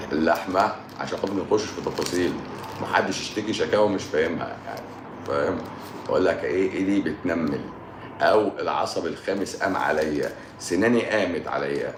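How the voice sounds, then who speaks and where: Deep-voiced Egyptian man joking on a livestream. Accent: Egyptian Arabic. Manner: joking, chuckling, repeats phrases, keeps asking "got it?". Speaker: live-stream host answering viewer comments. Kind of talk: casual live-stream chat. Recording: echoey room with background noise.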